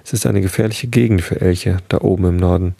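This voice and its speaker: A man's voice: low-pitched, steady tone, fast talker, vocal fry, warm tone, breathy edge, no room sound, full character voice. A man voicing a loyal, blunt male dog in a storybook reading, talking in a plain, matter-of-fact way. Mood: earnest.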